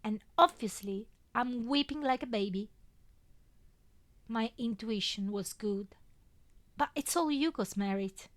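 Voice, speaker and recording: A woman reading a first-person story aloud in an expressive, lilting way. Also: on the high side, measured pace, long pauses, dry recording. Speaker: fanfiction reader.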